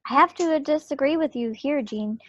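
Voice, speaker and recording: In a play reading over a video call, a woman voices a stubborn, spirited young 1940s war wife with folksy directness and a defiant mood. Her natural, high voice moves at a normal speed without echo, though the call audio is muffled.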